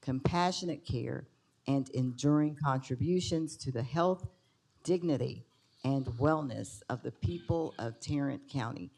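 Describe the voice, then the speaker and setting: A county commissioner reads an official resolution in a formal, notary-like recitation. The voice sits at a medium pitch with a gravelly, creaky edge and a soft, relaxed tone. Phrases are set out one by one in a measured, official way. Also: poor audio.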